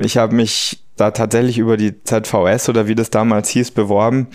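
A man in his thirties, born in the United States, talking casually as a podcast co-host, relaxed and easygoing, with frequent fillers. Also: lowish voice, no echo, studio quality. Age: 30s. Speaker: podcast co-host, trauma surgeon.

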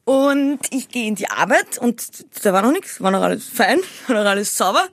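A woman's voice: a little high, animated, normal speed, dry recording. Young woman, casual podcast chat, rambling, dry sound. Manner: chatty storyteller, rambling with restarts and laughs. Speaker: podcast co-host.

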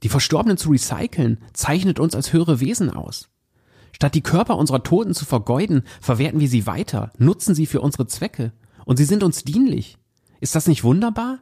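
A man's voice: a little high, sing-song, fairly quick, dark tone, husky, voice pushed up, heavily acted. A man reading aloud the lines of an upset young woman who pleads and insists with her fiancé. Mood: pleading.

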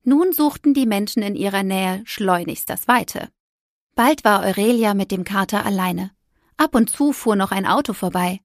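Gravelly woman reading a story aloud. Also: medium pitch, dry recording, clean studio sound. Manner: expressive storytelling. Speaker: narrator. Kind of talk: audiobook narration.

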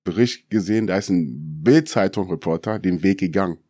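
A man's voice: low voice, fairly quick, warm tone, no echo, clean studio sound. A middle-aged man, a former footballer, telling a story as an interview guest and acting out the quoted dialogue in it.

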